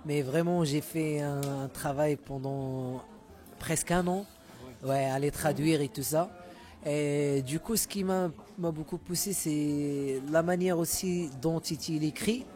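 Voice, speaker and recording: A man's voice: on the high side, steady tone, measured pace, warm tone, soft background music. A Moroccan musician, a man whose first language is Moroccan Arabic, talking casually in an interview and often repeating words while he searches for terms. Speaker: musician guest.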